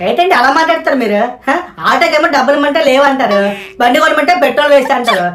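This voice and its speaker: A woman acting in a comedy sketch who talks in a quick, whiny, argumentative way. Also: high voice, music in the background. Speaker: comic actor playing a son. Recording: echoey room with clear noise.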